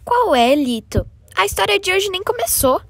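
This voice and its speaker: A woman's voice: extremely high pitch, sing-song, normal speed, vocal fry, a bit bright, exaggerated voice. A woman playing a bossy, matter-of-fact girl who keeps the club in order, in a children's horror audio drama.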